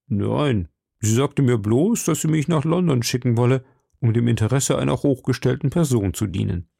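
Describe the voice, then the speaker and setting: A man's voice: medium pitch, moderate pace, vocal fry, mellow, husky, no echo. A man voicing a foolish, greedy middle-aged shopkeeper in a read-aloud storybook, talking with eager self-satisfaction. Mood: plain.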